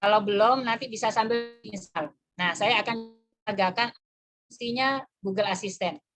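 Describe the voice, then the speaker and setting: A woman's voice: mid-range voice, moderate pace, over music. A woman presenting an online lesson, explaining step by step as she demonstrates an app on her phone. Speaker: webinar presenter.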